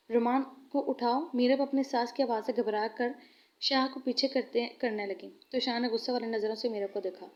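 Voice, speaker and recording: Woman reading a romance novel, fairly high. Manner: steady storytelling. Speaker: novel narrator. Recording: muffled lo-fi recording.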